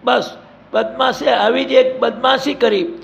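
A man's voice: very high voice, fairly even intonation, slow, creaky. A man narrating an adventure story in a vivid, emphatic storytelling manner. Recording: dull lo-fi recording.

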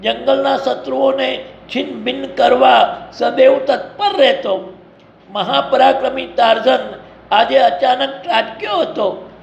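A man's voice: extremely high pitch, fairly even intonation, a little slow, vocal fry. A man narrating an adventure story in a vivid, emphatic storytelling manner. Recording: dull lo-fi recording.

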